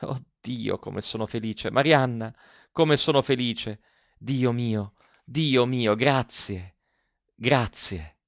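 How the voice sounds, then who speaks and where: A man's voice: medium pitch, slow pace, creaky, no echo, dull audio. A man voicing a frightened young novice nun who is losing her mind, reading her diary in a pleading, feverish way with repeated cries. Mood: yearning. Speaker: audiobook reader.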